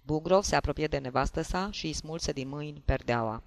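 Brief: male audiobook narrator, slightly high voice, dry close recording, steady telling. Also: vocal fry, no room sound. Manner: steady storytelling.

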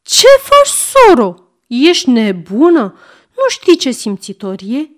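A woman's voice: a little high, expressive, smooth, lightly acted. A woman reading aloud and voicing a fussy, doting old grandmother who is stubborn and old-fashioned. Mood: alarmed.

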